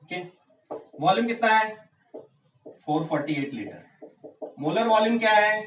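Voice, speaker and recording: High-voiced man teaching chemistry. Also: animated, unhurried, fairly bright tone, reverberant, recorded from a distance, poor audio. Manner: rhetorical questions, urging students on. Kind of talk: exam-prep lecture.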